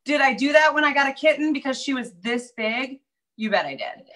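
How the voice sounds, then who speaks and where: A Minnesota-accented real estate agent joins a casual interview chat as a guest over a video call. Her high-pitched voice is brisk, bright and pushed, and she stays upbeat and chatty with plenty of fillers.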